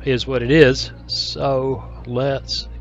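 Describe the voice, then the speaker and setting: A man talks through his gameplay in a chatty, folksy manner, thinking out loud and clearing his throat now and then. His voice sits in a middle range, the recording is a touch dull, and faint music plays underneath. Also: mid-range voice, little pitch movement, extremely slow. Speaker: gaming channel host. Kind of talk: casual gameplay commentary.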